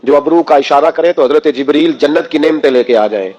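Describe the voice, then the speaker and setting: Impassioned high-voiced male preacher. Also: a little mellow, lo-fi sound. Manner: impassioned, rhetorical questions to the crowd. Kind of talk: emotional Urdu sermon.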